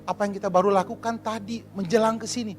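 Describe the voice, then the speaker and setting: A man, a pastor giving a lively sermon in church and asking the congregation questions. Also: high-pitched, fast. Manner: lively preaching, asks the congregation questions, mixes in English.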